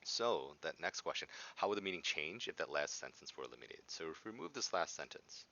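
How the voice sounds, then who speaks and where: A dull, lo-fi recording of a male teacher with an extremely low but bright, forceful voice. He walks through a lesson informally, explaining in a hesitant way and checking in as he goes. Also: very animated, quick pace, creaky. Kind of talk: informal lesson walkthrough of a reading passage. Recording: dull, lo-fi sound.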